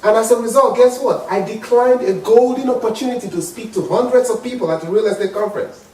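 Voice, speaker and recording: A man in his forties with an African accent, giving a dramatic, emphatic motivational speech to an audience. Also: quick pace. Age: 40s. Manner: dramatic, emphatic, swings from low murmurs to loud high exclamations. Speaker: public speaker. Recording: very echoey hall, mic far off.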